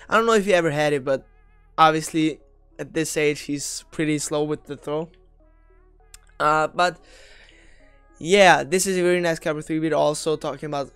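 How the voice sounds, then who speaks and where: A man's voice: a little high, a bit bright, clear, resonant tone, no echo. A young man from Austria giving casual, chatty commentary in a video game strategy tutorial, talking through plays analytically and tossing in offhand jokes.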